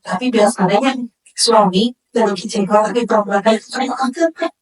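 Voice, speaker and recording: A woman gives a lively talk on marriage to a live audience. She keeps slipping into high, dramatic voices to act out wives and husbands. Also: normal speed. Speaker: speaker at a religious study session. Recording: echoey hall, voice from far off.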